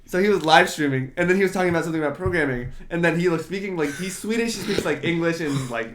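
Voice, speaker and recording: A man's voice: fairly high pitch, quick pace, roomy sound, noisy background. A young man co-hosting a casual podcast, telling a story in a rambling way and laughing often. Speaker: podcast co-host. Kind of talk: casual chat.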